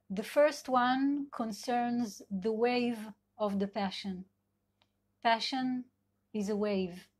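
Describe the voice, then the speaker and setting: At home in Israel, a middle-aged sex and couple therapist whose first language is Hebrew gives a live online talk. She has an Israeli accent and a mid-range voice, and she speaks gently and searchingly with many fillers.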